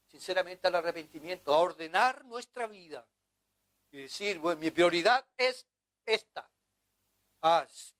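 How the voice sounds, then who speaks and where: A man's voice: high-pitched, a bit bright. A man preaching a sermon as pastor, in an impassioned, pleading manner.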